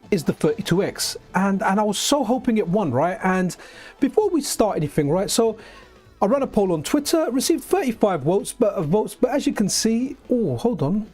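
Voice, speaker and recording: Chatty high-voiced man streaming. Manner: chatty, excitable, frequent restarts and asides to chat. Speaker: retro gaming streamer. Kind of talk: live stream chat.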